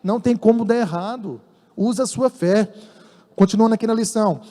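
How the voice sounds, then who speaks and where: Man, brazilian portuguese accent, sermon, mellow high voice, long hall reverb. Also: a little fast. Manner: storytelling preacher, acts out dialogue, emphatic. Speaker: church elder preaching.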